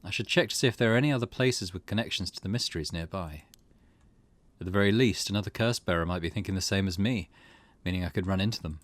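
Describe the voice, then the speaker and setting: This gaming channel host runs a let's play with a deep voice and a quick pace, chatting casually, thinking aloud, and reading the game text as he goes. Game music plays behind him, and there's no room sound.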